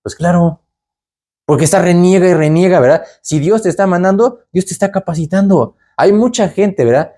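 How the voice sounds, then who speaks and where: A man preaching a sermon in a conversational way. He keeps adding "¿verdad?" to his lines and lifts his voice to act out the people in the story. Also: normal speed. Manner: animated, jumps up in pitch to act out the people in the story.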